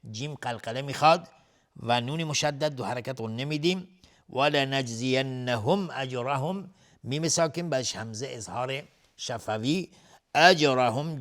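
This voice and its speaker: A man teaching the rules of Quran recitation. He chants each verse slowly and melodically, then explains the rules in quick, plain speech. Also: medium pitch, a bit bright.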